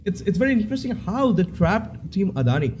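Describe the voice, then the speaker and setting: A man's voice: high-pitched, big pitch swings, a little fast, a little mellow, slight background noise, rough recording. A man, casting an esports match, talking hesitantly with many fillers and restarts. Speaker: esports caster. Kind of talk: esports post-match analysis.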